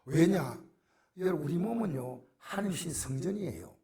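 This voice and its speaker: A middle-aged male pastor, preaching a sermon that swings from hushed near-whispers to loud exclamations. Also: a little high, animated, normal speed, a crowd in the background.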